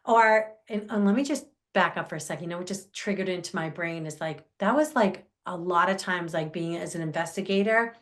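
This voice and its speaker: A middle-aged woman hosting a podcast, telling stories in a lively, casual way with frequent laughter and fillers. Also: on the low side, fairly quick, hardly any pauses. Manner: animated, laughs often, many fillers. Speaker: podcast host. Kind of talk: casual chat, storytelling.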